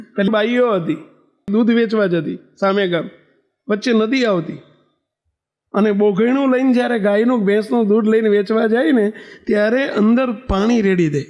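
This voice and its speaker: Guy preaching, pretty high voice, earnest and pleading, repeats stuff for emphasis. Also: darkish tone. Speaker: swami preaching. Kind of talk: sermon with storytelling.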